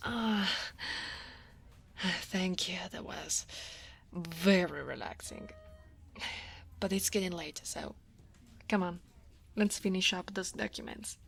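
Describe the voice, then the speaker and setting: Her voice fairly low, slow and gravelly with frequent pauses, an Italian woman with an Italian accent plays a guarded dragon woman who is a workaholic senior coworker. The ASMR roleplay is soft and often whispered, relaxed in mood, wry and self-deprecating, with sighs and soft laughs.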